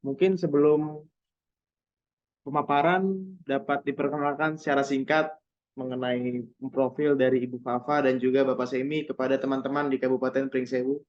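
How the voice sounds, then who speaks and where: A man hosts an online workshop in a measured, formal tone, with a steady mid-range voice and the odd hesitant filler. The sound is dull and lo-fi, as on a video call. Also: medium pitch. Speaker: moderator. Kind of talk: formal webinar moderation.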